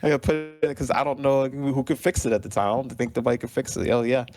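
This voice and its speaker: On a podcast, a guest who composes video game music, a man in his thirties with a medium pitch, talks fast. He's an animated storyteller who laughs frequently and imitates the people he quotes.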